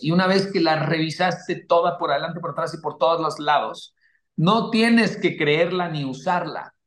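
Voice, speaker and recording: A man giving blunt, profane motivational advice to a caller, forceful and animated. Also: medium pitch, reverberant. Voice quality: crude, swearing, forceful and animated.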